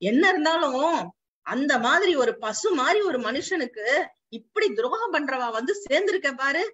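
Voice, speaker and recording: A woman's voice: high voice, lively intonation, normal speed, fairly bright tone. A woman playing a strict older father who scolds harshly. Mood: scolding. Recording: slightly dull lo-fi recording.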